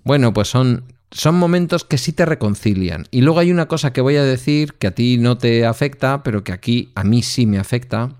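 A man's voice: medium pitch, animated, normal speed, few pauses, a little mellow, dry recording, studio quality. A man the there, telling personal stories in a reflective way as a podcast co-host. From Basque Country, Spain. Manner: reflective anecdotal storyteller. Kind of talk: casual conversation.

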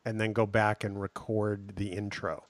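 A man's voice: lowish voice, flat delivery, moderate pace, a little hiss or hum. A man co-hosting a podcast, teasing his partner dryly and steering the recording. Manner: dry, teasing, directs the recording. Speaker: podcast co-host. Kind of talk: casual podcast chat.

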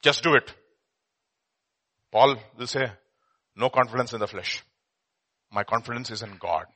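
A man's voice: medium pitch, unhurried, pushed and bright. A man with an Indian accent preaching a sermon as a pastor, reading scripture and teaching emphatically with rhetorical questions and repeated phrases.

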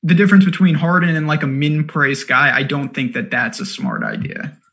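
A man co-hosting a fantasy basketball strategy show, talking casually in quick, animated bursts with lots of fillers. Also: on the high side, gravelly. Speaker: co-host of a fantasy sports show. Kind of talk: casual analytical chat.

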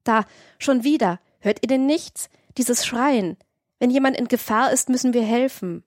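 A woman reading aloud and voicing a jumpy, careless young male carter in an audiobook excerpt, with an excited, insistent delivery. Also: fairly high pitch, measured pace, dry recording, studio quality, voice pushed up. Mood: alarmed.

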